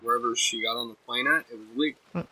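A man's voice: mid-range voice, pushed and bright, rough recording. A man casually chatting as co-host of a video game let's play, reacting with dry jokes. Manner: dry, quick reactions and joking quips. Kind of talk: casual gameplay chat.

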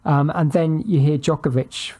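Male podcast co-host, warm mellow voice, ponders aloud, restarts his sentences. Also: fairly high pitch, steady tone, moderate pace. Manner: thoughtful, hesitant, self-correcting. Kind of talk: casual chat.

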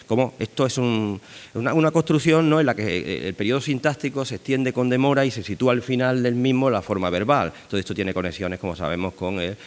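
An older man lectures from behind a desk microphone, his voice sitting fairly low. He digresses often and peppers his talk with fillers and tag questions. The sound carries a long reverb from a large hall. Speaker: literature scholar giving a conference lecture. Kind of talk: academic lecture.

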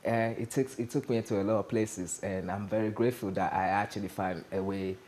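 This Nigerian comedian has a lowish voice and talks fairly quickly, with a little hiss or hum on the audio. Sitting as a guest for a TV studio interview, he chats casually, animated and gesturing, often asking "you understand?"

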